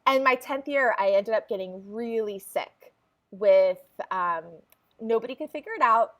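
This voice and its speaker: A New Jersey woman in her forties, guesting on a podcast, tells her story in a chatty, casual interview with frequent laughs and restarted phrases. Her voice is mid-range with a fairly bright tone.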